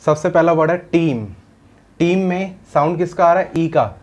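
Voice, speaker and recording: This man's voice is a little high and a bit mellow, with a steady tone and moderate pace, as he teaches a shorthand lesson mixed with English terms. Patient and methodical, he explains each step and keeps asking "samajh aaya?" to make sure students understood.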